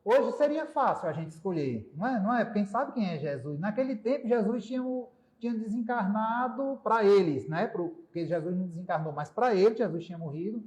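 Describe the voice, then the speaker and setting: A man's voice: high-pitched, expressive, brisk, hardly any pauses, darkish tone. A man giving a storytelling lecture at a spiritist center, retelling scenes with repetition and emphasis. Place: lecture hall. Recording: echoey hall.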